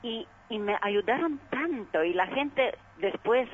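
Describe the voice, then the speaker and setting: A woman's voice: fairly high pitch, expressive. Polish-accented woman on a dull, noisy line. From Poland. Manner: halting, searches for words in non-native grammar. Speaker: ambassador being interviewed. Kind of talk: conversational radio interview. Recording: dull, noisy phone call.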